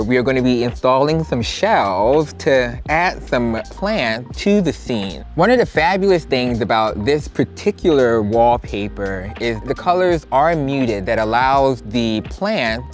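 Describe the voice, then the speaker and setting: A man hosts a home plant makeover in a campy, upbeat style. He leans theatrically on his words and talks playfully, as if to a darling. Music plays behind him. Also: mid-range voice. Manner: campy, playful, addresses people as darling and honey. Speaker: houseplant expert and makeover host. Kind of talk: upbeat makeover show presenting.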